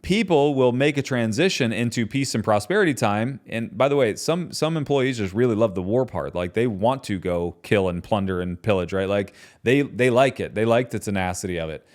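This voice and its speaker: A man hosting his own podcast, talking in a passionate, conversational way and often tagging his points with quick questions. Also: lowish voice, animated. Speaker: podcast host and business founder. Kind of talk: solo podcast talk.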